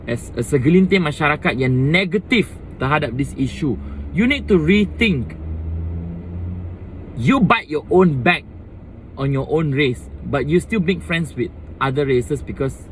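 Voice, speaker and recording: This young Malaysian vlogger, mid-range in voice and Malaysian-accented, delivers an impassioned casual rant to camera, moving between English and Malay. The low-quality recording has a little hiss or hum.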